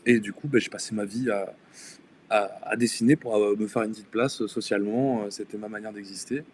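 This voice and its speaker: Guesting on a live stream, a young illustrator and tattoo artist from Denmark, whose first language is Danish, chats casually in French, hesitating and restarting often with lots of fillers. His voice is on the low side, a little mellow, fairly quick and evenly intoned, with some hiss or hum in the recording.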